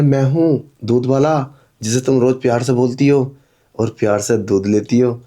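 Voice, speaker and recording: A man's voice: mid-range voice, mellow, natural voice. A man playing a pushy young milkman who wheedles and insists in a melodramatic drama. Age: young adult.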